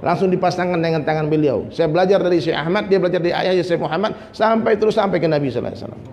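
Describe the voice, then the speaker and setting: Male preacher, fairly high, chatty sermon style with jokes; reverberant hall. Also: very fast, a little mellow. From Minangkabau, West Sumatra. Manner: conversational preaching, keeps addressing listeners as "Pak", jokes and mimics people. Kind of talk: dawn sermon. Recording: faint noise, long hall reverb.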